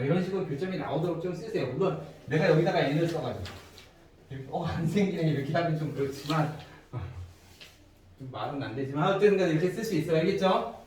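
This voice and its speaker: A man with a fairly high voice teaches a math lesson to a classroom of students. He walks through each step and keeps checking that they follow. He is recorded from a distance in a very echoey room with faint background noise. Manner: asks students frequent check-in questions.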